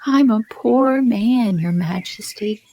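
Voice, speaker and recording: A woman's voice: fairly high pitch, slow pace, warm tone, no room sound, voice pushed up. A woman voicing a nervous, humble poor man, a storybook hatter, with a trembling, timid, pleading voice. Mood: miserable, timid. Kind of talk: storybook character voice.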